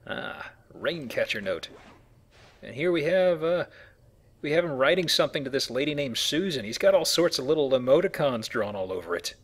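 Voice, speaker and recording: Playing through a game, a let's play host offers casual, goofy commentary as he rambles along. His voice sits on the high side and is very animated, at a normal speed.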